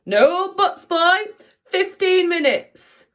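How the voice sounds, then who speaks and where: A cruel female schoolteacher from a children's story, high and piercing, who snaps her words and savors every chance to punish, played by a woman reading aloud. She swings widely in pitch and bites off her orders loudly. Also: animated, extremely slow, exaggerated voice. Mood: gloating. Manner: sharp, snapping, relishing each word. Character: cruel shrill female schoolteacher, gloating witch.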